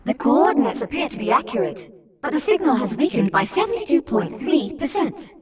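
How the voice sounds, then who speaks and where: A woman's voice: high voice, big pitch swings, brisk, recorded from a distance. A woman playing a precise, formal female spaceship computer in a video game. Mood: calm.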